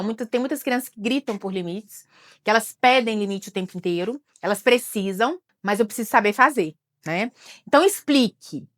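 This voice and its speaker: A woman with a Brazilian Portuguese accent talks to the camera as a therapist advising parents. Her voice sits a little high. She keeps a conversational tone and often closes her phrases with a quick tag question. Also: fairly bright tone. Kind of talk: advice talk to camera.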